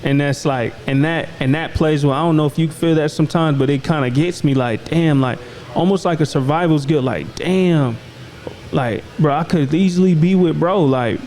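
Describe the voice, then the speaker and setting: The host here is a young Des Moines, Iowa man with a fairly high, darkish voice speaking at normal speed. His casual, slangy podcast talk leans on "you know what I'm saying" a lot. Poor audio carries slight background noise.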